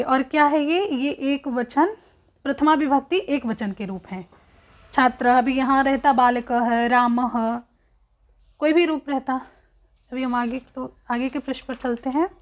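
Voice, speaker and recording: Woman teacher, high voice, slow and patient, asks and answers her own questions. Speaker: Sanskrit teacher. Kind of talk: textbook lesson explanation.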